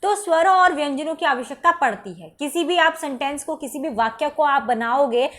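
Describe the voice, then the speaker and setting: A woman's voice: high voice, expressive, normal speed, fairly bright tone. A woman teaching an exam-prep lecture. She explains step by step, keeps asking "ठीक है?", and answers her own questions.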